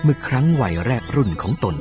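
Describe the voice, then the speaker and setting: A man's voice: medium pitch, animated, fast. A man narrating a scripted, dramatised story as its storyteller. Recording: dull lo-fi audio with clear music behind.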